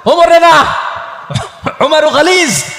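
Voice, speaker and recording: A male preacher voicing a frightened young wife who pleads in a high, squeaky voice. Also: slow pace, a bit bright, exaggerated voice. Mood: scared. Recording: echoey hall, long reverb.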